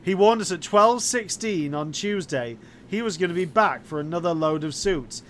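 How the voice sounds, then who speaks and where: A man performing improvised comedy, telling rambling absurd stories in a deadpan way. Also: high-pitched, moderate pace, a little hiss or hum.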